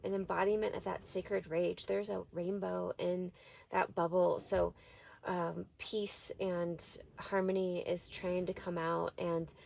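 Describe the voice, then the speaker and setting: A woman talks casually to her viewers from inside a small RV trailer. Her voice is very gravelly with fry, and the sound is close and dry. She comes across as an earnest, reflective tarot reader. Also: mid-range voice, a little mellow, no room sound. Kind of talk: casual spiritual check-in to viewers.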